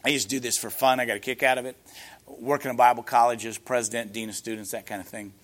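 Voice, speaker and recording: A middle-aged man preaching a sermon, emphatic and rhetorical, answering imagined objections and rising to loud peaks on key points. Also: mid-range voice, steady tone, quick pace.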